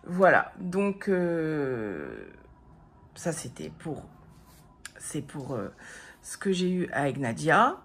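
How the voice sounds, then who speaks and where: Slow, hesitant woman vlogger. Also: sits low, very animated, a bit bright, a little hiss or hum. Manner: hesitant, many fillers and restarts; enthusiastic, gushing praise. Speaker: vlogger showing crafts and purchases. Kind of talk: casual chat to camera.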